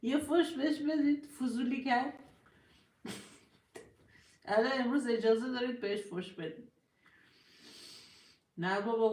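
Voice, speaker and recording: A woman's voice: on the high side, a little mellow, echoey room. A woman hosting a casual live stream, greeting viewers by name, reading their comments aloud and laughing often.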